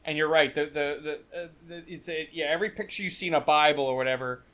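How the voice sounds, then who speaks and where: A man with a slightly high voice talks about a film in a loose, rambling way. He breaks off, starts again and fills the gaps with "like" and "you know". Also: fast, a bit bright. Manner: rambling, many restarts and fillers. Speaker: podcast co-host. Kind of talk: casual film discussion.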